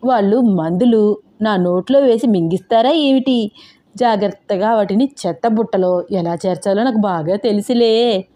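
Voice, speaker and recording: A woman voicing a bossy, scheming grandmother in her seventies who scolds loudly and talks slyly. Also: medium pitch, moderate pace, lightly acted. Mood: sly, confiding. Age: over 60. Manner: shouting, scolding, sly.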